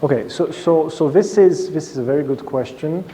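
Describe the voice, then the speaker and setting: A man's voice: fairly high pitch, moderate pace, warm tone. A man answering audience questions after a conference keynote, hesitant, with many fillers and restarts. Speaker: keynote speaker. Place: large conference hall. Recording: reverberant hall, faint noise.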